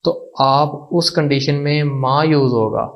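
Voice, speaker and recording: A man from Pakistan teaches a language lesson in a slightly high, unhurried voice on a muffled recording. His explanation is slow and repetitive: he says each word several times and asks questions before answering them himself.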